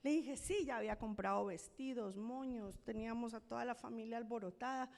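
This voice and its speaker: A woman's voice: on the high side, steady tone, fairly quick, vocal fry, a little mellow. Woman pastor preaching in a reverberant church. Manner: earnest storytelling, acts out quoted dialogue. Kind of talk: sermon testimony. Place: church sanctuary. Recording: church hall with long reverb.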